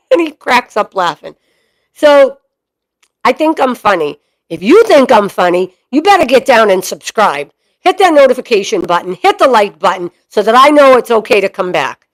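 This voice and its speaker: A woman's voice: a little high, moderate pace. A woman in her fifties with a Boston accent, chatting and joking to camera about her life as a dog breeder. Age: 50s. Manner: chatty, joking, animated storyteller. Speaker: dog breeder and channel host. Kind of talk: casual chat to camera.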